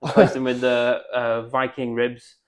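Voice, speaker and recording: A man co-hosting a comedy podcast, reading out silly band names with deadpan jokes and sweary teasing. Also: medium pitch, measured pace. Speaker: podcast co-host. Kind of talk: casual comedy chat.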